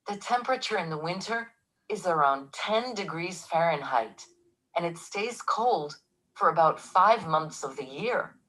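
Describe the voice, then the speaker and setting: A gloomy, complaining forum poster. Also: female voice, low voice, fairly bright tone, breathy edge, exaggerated voice, low-quality recording. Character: gloomy woman complaining about cold winters. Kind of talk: scripted textbook dialogue recording.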